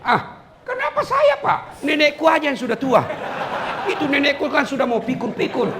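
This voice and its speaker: A man's voice: extremely high pitch, sing-song, normal speed, noisy background, pitched above the performer's own voice, exaggerated voice. A man voicing a whiny, panicking young teenage boy who squeals and laughs through his words. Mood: panicky, cheeky. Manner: squealing, cheeky, laughing while talking.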